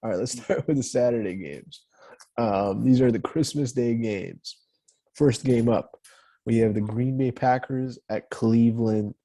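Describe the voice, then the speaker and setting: A man's voice: mid-range voice, unhurried, mellow. A young man co-hosting a casual podcast, teasing his friend and laughing often. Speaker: podcast co-host. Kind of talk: casual chat.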